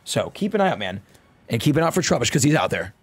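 A young man chatting casually to livestream viewers in slangy, bro-heavy talk, swinging from low asides to loud, excited hype calls. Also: quick pace, slightly rough, soft background music. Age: young adult. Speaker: live streamer opening card packs. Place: indoor streaming room at home.

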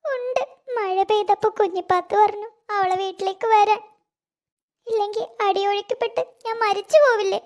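A timid little girl from an animated cartoon, frightened and tearful. Her voice is extremely high and small. She pleads and whimpers softly. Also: moderate pace. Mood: hurt, timid.

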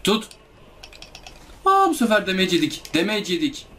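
A man's voice: high voice, huge pitch swings, normal speed, bright, forceful tone, slight background noise. A young man commenting live on a hard game he is playing, exasperated, groaning and pleading with the enemies as he keeps losing. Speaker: gameplay streamer.

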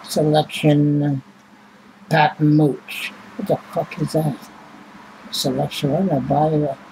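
This vlogger reads receipt prices aloud to his webcam in a small room at home, rambling casually and cursing as he chats. He speaks slowly and flatly in a higher-pitched yet darkish voice, and the low-quality recording has a little background noise.

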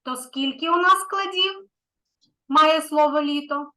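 Slow, patient high-voiced woman teacher. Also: bright, forceful tone, poor audio. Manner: slow, patient and encouraging, stretching key words. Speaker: kindergarten teacher. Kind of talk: online lesson with a young child.

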